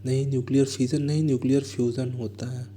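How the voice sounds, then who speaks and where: Indian man, exam coach, dark mellow tone, monotone and unhurried delivery. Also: medium pitch, a little hiss or hum. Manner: reads questions slowly, then explains in fast asides. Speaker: exam prep teacher. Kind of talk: explaining exam answers.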